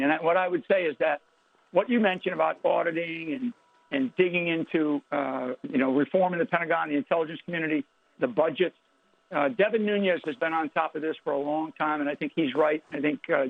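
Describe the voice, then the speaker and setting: A man speaking as an interview guest over a phone line, halting and emphatic, with many restarts. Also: fairly high pitch, creaky, dry recording. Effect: heard over a phone line. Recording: tinny dry phone line.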